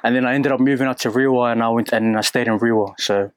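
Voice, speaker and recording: A young man from New Zealand with a New Zealand accent, talking candidly and haltingly in an interview, with many fillers and restarts. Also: mid-range voice, steady tone, dry recording. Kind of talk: casual interview.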